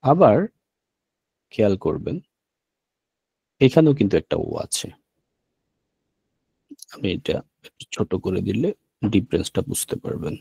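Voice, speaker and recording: A man with a Bangladeshi Bengali accent teaching an online language lesson, slow and patient, repeating each sound. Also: fairly low pitch, big pitch swings, creaky, mellow, husky, no room sound.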